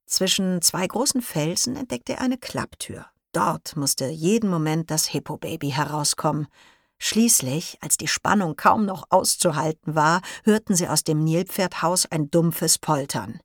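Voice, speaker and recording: A woman narrating a children's audiobook in a clear, expressive storytelling manner. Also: sits low, unhurried, dry recording, studio quality. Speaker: audiobook reader.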